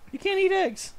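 Young man, high voice, gameplay commentary, joking, laughs a lot. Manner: joking, chatty, laughs often. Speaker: channel host.

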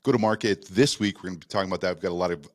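A man's voice: sits low, very fast. A man from Canada, hosting a podcast in a studio with upbeat, jokey banter. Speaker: podcast host. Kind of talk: casual podcast chat.

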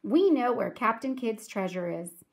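A woman's voice: on the high side, expressive, a little slow, creaky. A woman reading a storybook aloud and voicing a cautious, earnest young boy.

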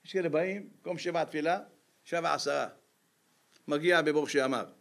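A male rabbi delivering a sermon in a somewhat high voice. He keeps the talk moving with quick rhetorical questions to the congregation and an animated, storytelling delivery. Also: gravelly. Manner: lively, peppered with rhetorical questions to the audience.

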